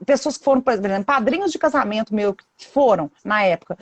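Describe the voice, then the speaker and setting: A woman's voice: medium pitch, expressive, brisk, dry recording. A woman in her thirties on a live video call, telling a painful story with intensity and acting out what people said to her. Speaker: guest sharing her story. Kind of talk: emotional live chat.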